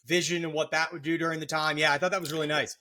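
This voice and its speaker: A man's voice: on the high side, little pitch movement, racing, sharp tone. A middle-aged man hosting a podcast, explaining psychology in a casual, joking way with lots of fillers. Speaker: podcast host, therapist.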